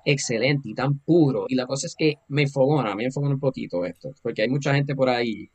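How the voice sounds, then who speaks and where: Casting: emphatic man, casual podcast co-host, laughs often, mid-pitched. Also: quick pace, a little mellow. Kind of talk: casual film discussion.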